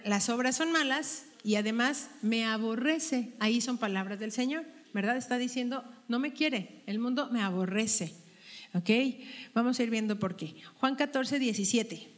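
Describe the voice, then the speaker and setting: A woman guides a Bible study. Her voice sits slightly high, and she keeps tossing questions back to the group. The room around her carries a long, lingering reverb. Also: normal speed. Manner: asks the group questions and tags them with "¿verdad?".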